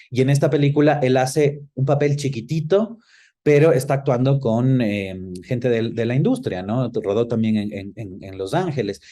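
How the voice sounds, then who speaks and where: With a mellow, medium-pitched voice, a man of roughly forty speaking with an Ecuadorian accent reflects on interview questions. He explains his answers and often pauses to find his words.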